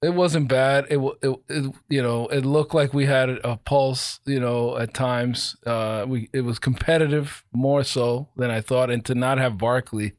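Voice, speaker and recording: A man's voice: medium pitch, fairly even intonation, measured pace, few pauses, no room sound. Man, podcast host, laid-back banter, dry studio mic. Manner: easygoing, chuckling, sports banter. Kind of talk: casual chat. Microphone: studio microphone.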